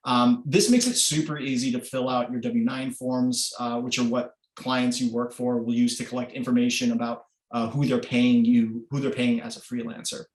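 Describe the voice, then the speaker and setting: A man's voice: medium pitch, steady tone, normal speed, hardly any pauses. Guy giving an online workshop, chatty explainer, lots of ums, echoey room. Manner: informal, explanatory, many filler ums. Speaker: workshop presenter. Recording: roomy echo.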